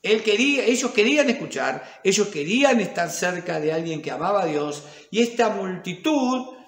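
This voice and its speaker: Emphatic Rioplatense pastor, high and lively. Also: male voice, roomy sound. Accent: Rioplatense Spanish. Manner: dramatic, emphatic preaching with repeated phrases. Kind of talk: sermon.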